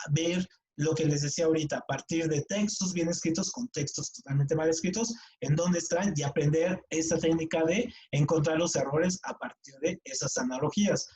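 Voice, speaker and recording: Mexican male teacher, middle-aged, relaxed mellow tone, chatty lecture with restarts. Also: on the high side, low-quality recording. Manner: casual, chatty, frequent restarts and repeated words. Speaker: writing workshop teacher. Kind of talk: online class lecture.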